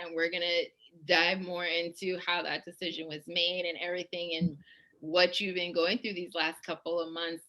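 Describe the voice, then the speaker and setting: A woman's voice: fairly low pitch, bright, forceful tone. A woman hosting a casual interview over a video call, chatty and bubbly, laughing often. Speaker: host, fashion stylist.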